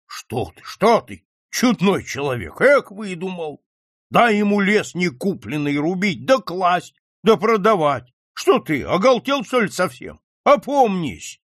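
A man playing an exasperated older male captain, scolding, incredulous, lively pitch, dry sound. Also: unhurried, dry recording, heavily acted.

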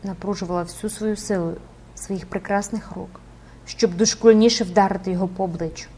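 A woman's voice: mid-range voice, steady tone, brisk, mellow, a little hiss or hum. A woman narrating an audiobook dramatically and expressively, rising with the action.

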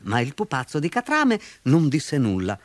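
Brief: male narrator for a children's fable, very animated pitch, dry close sound, soft music under. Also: moderate pace, no room sound. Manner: lively, expressive storytelling.

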